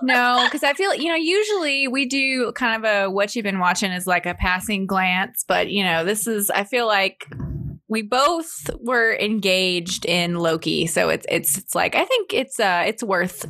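Podcast co-host, woman, bright tone, rambling casual chat. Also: medium pitch, a little slow, slight background noise. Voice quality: can sound nasal. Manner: chatty, lots of fillers and restarts.

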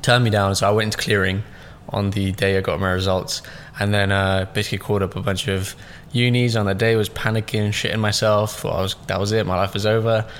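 He talks fairly quickly with few pauses and a level tone: a slightly low-voiced podcast guest in his 20s who runs a business. Born in Russia and raised in southeast London, he rambles casually, full of fillers and "like"s, over slight background noise.

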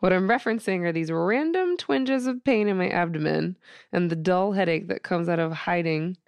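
A woman's voice: lowish voice, moderate pace, no echo. A woman guest on a podcast, reading from her journal and talking in an earnest, emotional way with many fillers.

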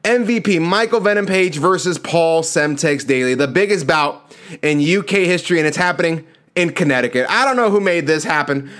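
A man's voice: a little high, a bit bright. A man hosting a sports show, giving casual fight predictions in an emphatic, slangy, conversational way.

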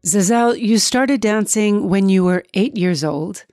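A woman hosting an interview podcast, reading a scripted introduction and asking questions in a calm, measured way. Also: mid-range voice, no room sound, studio quality.

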